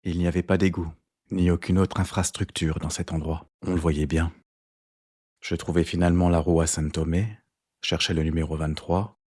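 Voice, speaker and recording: Deep-voiced male audiobook narrator. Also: little pitch movement, moderate pace, a little mellow. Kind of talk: first-person literary audiobook reading.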